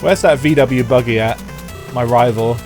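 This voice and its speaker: A congested man with a head cold plays an old racing game on a live stream, talking chattily and rambling to viewers. His mid-range voice is a little mellow and moves at a moderate pace, with faint music behind him.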